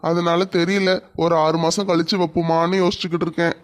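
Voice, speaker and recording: A man voicing a calm, reasoning young man engaged to be married in a cartoon. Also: a little high, brisk, close to an everyday voice. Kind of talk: cartoon voice acting.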